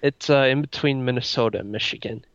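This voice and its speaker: A man's voice: medium pitch, quick pace, no room sound, dull audio. A young man from Wisconsin in casual chat, hesitant and full of ums and restarts. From Wisconsin, United States.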